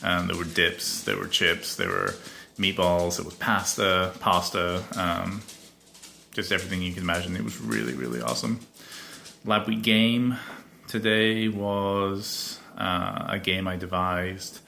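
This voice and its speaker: This young Scottish man, his accent faded, hosts a casual solo podcast, rambling chattily with lots of ums and self-corrections. His deep, gravelly voice is animated yet unhurried, with a bright, forceful tone. There's a little hiss or hum in the background.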